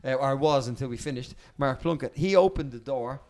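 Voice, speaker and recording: A Dublin Irish man, a podcast guest, telling animated stories in casual chat, repeating words and swearing freely. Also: medium pitch, fairly quick. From Dublin, Ireland.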